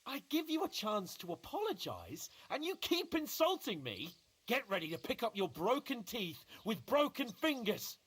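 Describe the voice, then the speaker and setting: An actor playing a haughty, pompous young nobleman in a video game, quick to take offence. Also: high voice, wildly swooping pitch, fairly bright tone, husky, heavily acted. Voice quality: pompous, indignant.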